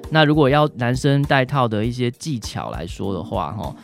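Over background music, a man with a mid-range voice, vocal fry, and wide pitch swings gives informal Q&A advice at a normal pace. He's a doctor appearing as a guest, speaks with a Taiwanese Mandarin accent, ends phrases with frequent little particles, and slips into quick role-played examples.

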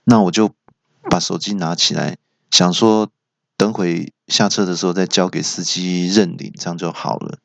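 A young man with a Taiwanese Mandarin accent, hosting a solo comedy show and telling self-mocking stories in an animated way. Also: normal speed, gravelly, dry recording. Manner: animated, self-mocking, jumps into high voices. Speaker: talk show host. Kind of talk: solo stand-up storytelling.

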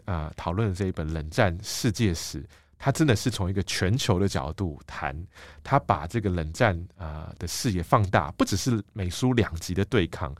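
A deep, low-pitched man with a Taiwanese Mandarin accent talks through ideas as an interview guest. He is measured and thoughtful and pads his sentences with "ah" fillers. The sound is close and dry, with no room around it. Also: dry recording. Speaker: guest, book editor-in-chief. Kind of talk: explanatory interview talk.

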